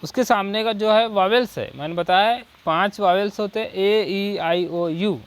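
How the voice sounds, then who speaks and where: High-voiced grammar teacher. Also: male voice. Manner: drills with repeated rhetorical questions and "ठीक है"; reads English example sentences slowly. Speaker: coaching teacher. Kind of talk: Hindi grammar lesson on English articles.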